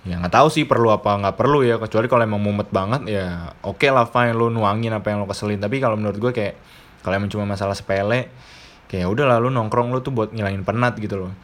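A man's voice: lowish voice, fast talker. Slangy young man from Jakarta. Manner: chatty, slangy, blunt, swears casually. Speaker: podcast host. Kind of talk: casual monologue.

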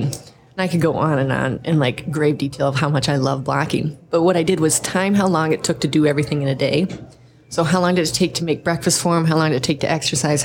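A woman with a low, deep-set voice shares personal stories as a podcast guest. She talks earnestly and chattily, full of casual fillers. She is middle-aged and from the American Midwest. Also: slight background noise. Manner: earnest storytelling, frequent "like" fillers. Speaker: podcast guest, designer and coach. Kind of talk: casual interview conversation.

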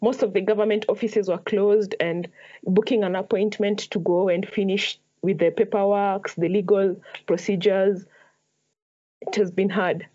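A young woman with a Kenyan accent speaks at a middle pitch. She answers interview questions in a casual, conversational way. The recording is a little dull and lo-fi. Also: steady tone, unhurried, dark tone. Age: young adult. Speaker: podcast guest, ice hockey player.

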